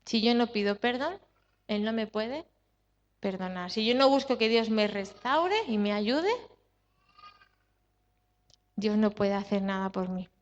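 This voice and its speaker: In a church hall, a woman pastor with a Spanish accent from Spain preaches a sermon, driving points home through repetition and questions to the congregation. Her medium-pitched voice is a little slow with long pauses, and the recording sounds dull with long hall reverb.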